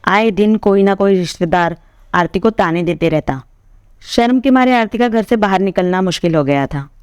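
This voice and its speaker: A woman narrating a dramatic audio story in an even, measured storytelling manner. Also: medium pitch, clean tone, no echo, clean studio sound. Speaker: narrator and writer.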